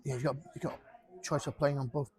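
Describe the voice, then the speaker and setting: A man's voice: mid-range voice, level tone, fairly quick, a crowd in the background. A man giving casual, jokey live commentary on a pool match, rambling and repeating himself. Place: pub during a pool match.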